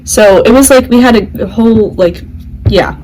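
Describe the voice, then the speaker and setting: A woman's voice: mid-range voice, moderate pace, a little mellow, a little hiss or hum, rough recording. A young woman chatting casually with friends, giggly and dramatic, full of exclamations. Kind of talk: casual chat.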